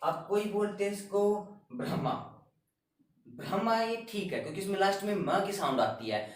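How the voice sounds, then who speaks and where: A man teaching a grammar lesson, explaining step by step and repeating each word slowly. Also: high-pitched, lively intonation. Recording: very echoey room, voice a bit far from the mic.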